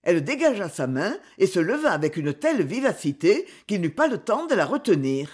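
Expressive woman reading a novel. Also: on the low side, fairly quick, slightly rough. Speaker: narrator.

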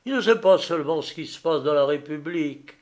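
A man's voice: a little high, lively intonation, brisk, lightly acted. A man reading an audiobook, voicing a proud, anguished grown son who pleads urgently.

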